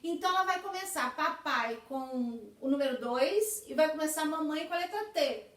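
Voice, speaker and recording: A woman's voice: high-pitched, expressive, normal speed. A woman teacher giving a lecture, explaining patiently and often checking in with her listeners with tag questions. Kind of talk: recorded lecture explaining literacy stages. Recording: echoey room, voice from a distance from the mic.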